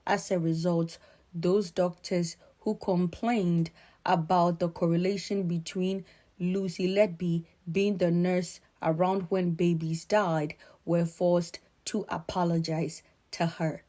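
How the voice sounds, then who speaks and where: Ghanaian woman talking it through, earnest and firm, voice sits a bit low. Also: little pitch movement, takes it slowly, warm tone. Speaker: commentator. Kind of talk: spoken commentary.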